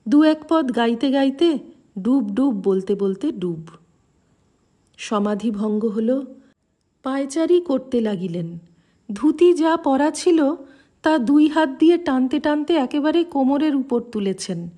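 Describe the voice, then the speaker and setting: A woman reading a devotional text aloud in a calm, measured and reverent way. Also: sits high. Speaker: reader.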